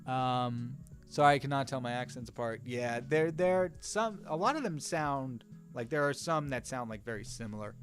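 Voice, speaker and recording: A man's voice: medium pitch, lively intonation, normal speed, few pauses, soft background music. A man hosting a live drawing stream, chatting casually with viewers in an easygoing, rambling way with lots of fillers and little chuckles.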